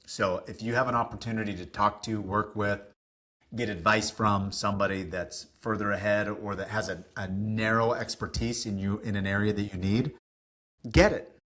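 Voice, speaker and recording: A man telling stories as a guest on a business podcast, lively, acting out what people said, with some casual swearing. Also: lowish voice, moderate pace. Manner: animated, acts out quoted dialogue, casual swearing. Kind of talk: casual interview storytelling.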